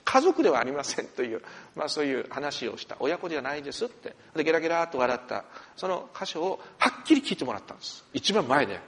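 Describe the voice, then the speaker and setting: A man, the senior pastor, leading prayer and preaching a sermon in a church hall, telling stories with animated asides. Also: fairly high pitch, quick pace. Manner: expressive storyteller, animated asides.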